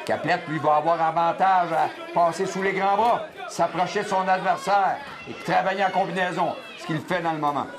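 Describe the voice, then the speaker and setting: A man's voice: high voice, steady tone, moderate pace, few pauses. A man with a Quebec French accent giving live boxing analysis, explaining tactics in short bursts. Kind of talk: live sports commentary. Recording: clear crowd noise behind. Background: boxing crowd.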